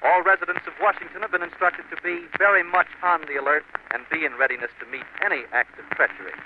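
A man delivering a measured live news report as a radio correspondent, heard through an old 1940s broadcast. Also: fairly high pitch, fairly even intonation. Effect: old 1940s radio broadcast sound. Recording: tinny old radio recording with loud hiss.

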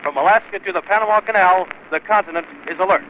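Male radio newscaster, high and crisp, formal bulletin read, tinny old 1940s radio broadcast sound. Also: quick pace, a little hiss or hum. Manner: crisp, formal announcer delivery. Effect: old 1940s radio broadcast recording.

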